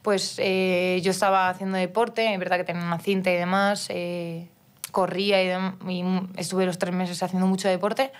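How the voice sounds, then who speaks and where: A young woman from Mallorca talks as a podcast guest, her voice sitting a little low. She tells her story casually, breaking off and restarting and acting out what people said to her. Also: flat delivery, normal speed. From Mallorca, Spain. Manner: storytelling with many restarts and quoted dialogue. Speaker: guest, professional footballer. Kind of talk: casual interview chat.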